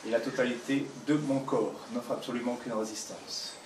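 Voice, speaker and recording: A man's voice: medium pitch, steady tone, recorded from a distance. Man coaching ab exercises, off-mic. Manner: counts reps while doing them, slow repeated cues. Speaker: fitness coach. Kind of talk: guided exercise instruction. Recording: roomy, off-mic with clear background noise.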